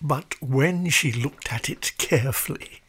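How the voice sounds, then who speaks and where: A woman reading a children's storybook aloud in a slow, expressive, lilting way. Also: extremely low pitch, slightly rough. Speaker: storybook reader. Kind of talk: storybook read-aloud narration. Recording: music playing underneath.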